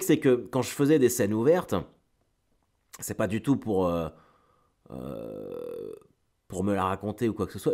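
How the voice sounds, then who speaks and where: His stuffy nose from a cold colors the fairly low, darkish voice of this middle-aged comedian hosting a weekly solo podcast. He addresses listeners casually and slangily, wandering into asides while hesitating, repeating words and looking for the right phrasing.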